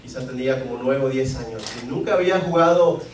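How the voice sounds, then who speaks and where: A Mexican pastor delivers a sermon in an echoey church sanctuary, recorded from a distance with slight background noise. His voice is medium-pitched and he talks fast, earnestly repeating key phrases for emphasis.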